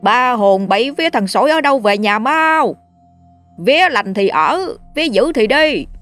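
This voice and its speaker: A woman's voice: on the low side, lively intonation, brisk. Brief: woman doing bossy old male sorcerer, scolding, faint music bed. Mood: gruff commanding. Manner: barking orders, scolding.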